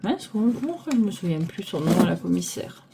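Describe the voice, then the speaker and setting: A woman's voice: fairly low pitch, sing-song, fairly quick, vocal fry, heavy background noise. A woman casually presenting tarot decks, rambling and stopping aloud to search for names, filmed on a phone held by a holder arm. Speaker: tarot deck reviewer.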